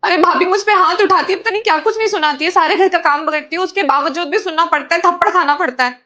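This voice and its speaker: A woman's voice: extremely high pitch, fast, pushed and bright. A woman playing a young bride pleading with her husband on the phone, in an amateur family drama. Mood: aggrieved. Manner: pleading, aggrieved. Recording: dull lo-fi sound.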